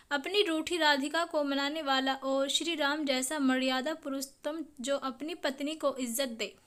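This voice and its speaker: High-voiced woman reading a family story. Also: fairly bright tone. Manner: reads every character's lines in her own voice, reading the speaker names aloud. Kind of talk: scripted story narration.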